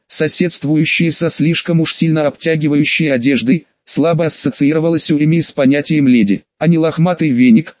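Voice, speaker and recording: A man reading a novel aloud as an audiobook narrator, with a steady, even storytelling delivery. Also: on the high side, no echo, dull audio.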